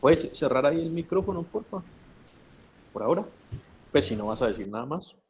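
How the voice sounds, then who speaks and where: A man's voice: on the high side, expressive, fairly quick, a little mellow. A man teaching English to Spanish speakers in an online class, explaining patiently and switching between English and Spanish. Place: video conference.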